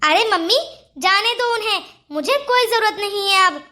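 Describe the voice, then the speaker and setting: A fiery young wife from a cartoon who fires back with sharp, indignant retorts. Her voice is very high and bright. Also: animated, moderate pace, full character voice. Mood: angry. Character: young wife, quick-tempered and proud. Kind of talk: cartoon voice acting.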